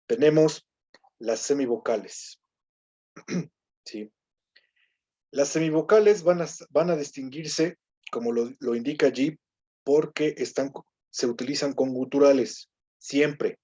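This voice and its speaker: A man's voice: mid-range voice, mellow, husky, highs cut off. A man teaching a Hebrew grammar lesson, explaining patiently, often checking in with his students and correcting himself as he goes. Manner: explanatory, frequent rhetorical checks and self-corrections. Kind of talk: online lecture.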